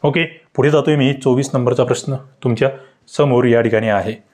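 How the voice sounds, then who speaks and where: A man tutoring for government job exams, explaining grammar questions to viewers with rhetorical questions and sharp upward leaps in pitch on key words. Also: steady tone, moderate pace. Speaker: exam-prep tutor. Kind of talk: online grammar lesson.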